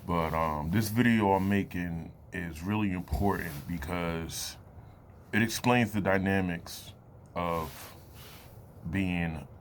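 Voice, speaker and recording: A man in his late thirties giving a reflective personal talk to camera, loose and halting, with many fillers and pauses. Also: deep voice, slight background noise. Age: 30s. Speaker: vlogger.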